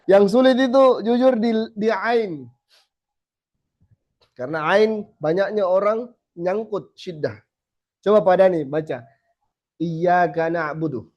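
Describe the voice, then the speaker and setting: A man teaching a small group how to recite, saying letter sounds slowly again and again and then correcting them. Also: high voice, lively intonation. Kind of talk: tajweed lesson to a small group. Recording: slightly dull lo-fi recording.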